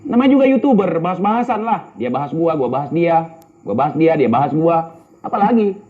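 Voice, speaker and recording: Brash, mocking Indonesian man, high voice. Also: very animated, brisk, phone-quality sound. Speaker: YouTuber answering viewer comments. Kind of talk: casual banter reading comments.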